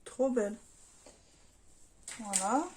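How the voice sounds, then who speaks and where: A woman's voice: fairly high pitch, drawn-out words, darkish tone, slight background noise. A French woman chatting casually in an unboxing vlog, hesitant and full of fillers, apologizing now and then. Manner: chatty, hesitant with many fillers, self-deprecating. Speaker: vlogger.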